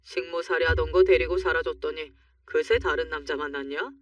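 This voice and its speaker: A woman's voice: low-pitched, fairly quick, dry recording, natural voice. A woman voicing a callous middle-aged father who sneers and pushes for money, read in storytelling narration. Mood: sneering. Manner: sneering, pushy. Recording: dry, muffled, slightly distant.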